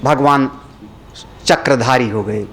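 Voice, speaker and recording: A man, a spiritual teacher, giving a religious discourse with animated storytelling. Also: mid-range voice, slow pace. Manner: animated storytelling, rising loud for dramatic moments.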